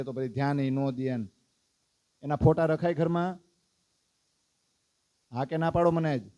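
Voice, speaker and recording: A man's voice: a little high, darkish tone. A man giving a storytelling sermon, asking his listeners questions and acting out the characters' lines. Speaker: religious discourse speaker. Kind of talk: storytelling sermon to a live audience.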